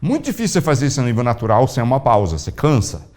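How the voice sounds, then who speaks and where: A man preaching a sermon as a pastor, telling a story with animated, acted-out dialogue. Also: rapid-fire. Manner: animated storytelling, acting out dialogue with big pitch swings.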